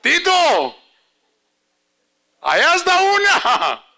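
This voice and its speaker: A man voicing his excited four-year-old granddaughter, calling out insistently in a squeaky voice. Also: extremely slow, gravelly, exaggerated voice. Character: excited little girl of about four.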